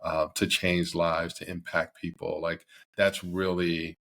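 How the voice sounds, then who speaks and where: This middle-aged man from Barbados heads a company and is chatting casually as a podcast guest. His voice is low and level, slightly bright, and he goes slowly, leaning on fillers and starting over often.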